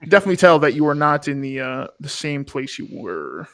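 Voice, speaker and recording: A man narrating a tabletop game as game master, casually and haltingly, searching for words. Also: on the high side, sing-song, a bit bright.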